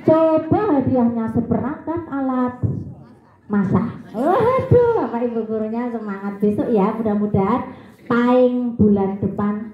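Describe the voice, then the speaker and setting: A woman's voice: a little high, lively intonation, measured pace. A woman, a children's storyteller playfully leading a school assembly. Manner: playful, coaxing, chants with the audience. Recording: echoey lo-fi hall sound with crowd.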